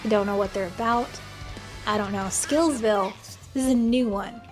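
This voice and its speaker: A woman's voice: mid-range voice, moderate pace. An American woman giving casual, opinionated commentary in a blunt, wry, conversational way. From United States. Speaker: video commentator. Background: music.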